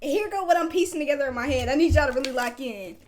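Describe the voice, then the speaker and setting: High-voiced woman giving blunt reaction commentary. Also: fast, slight background noise. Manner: blunt, mocking. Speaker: streamer reacting to a show.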